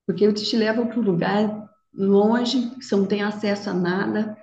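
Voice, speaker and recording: A woman doing a calm, protective man. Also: medium pitch, moderate pace, roomy sound, dull audio, a little hiss or hum, natural voice. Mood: earnest. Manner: quiet, earnest warnings.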